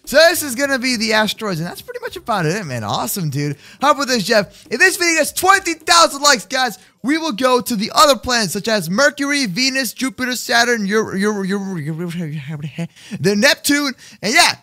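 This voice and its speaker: A man's voice: extremely high pitch, big pitch swings, moderate pace. Hyped, goofy young man gaming. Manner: goofy, hyped, talks to his sidekick and viewers, sudden shouts. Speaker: gaming YouTuber. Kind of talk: casual gameplay commentary.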